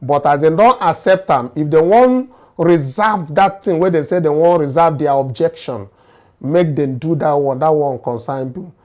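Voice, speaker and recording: Nigerian man commenting in Pidgin, higher-pitched voice. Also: normal speed, darkish tone. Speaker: host of a political commentary show. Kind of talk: informal commentary, explaining to viewers. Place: studio.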